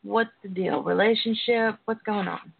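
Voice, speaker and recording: A woman hosting an informal sex talk show, chatty, sassy and flirty, with drawn-out emphasis. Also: medium pitch, vocal fry, husky. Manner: sassy, flirty, drawn-out emphasis, calls listeners honey and darlings. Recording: tinny phone-line audio.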